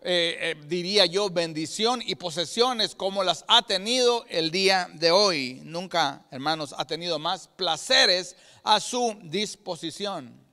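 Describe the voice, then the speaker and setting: A man with a Guatemalan Spanish accent preaching a sermon as pastor, swinging from loud emphatic peaks to quiet low asides and often calling out to his brothers. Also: lively intonation, a little slow, hardly any pauses. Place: church sanctuary. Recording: long reverb of a church hall.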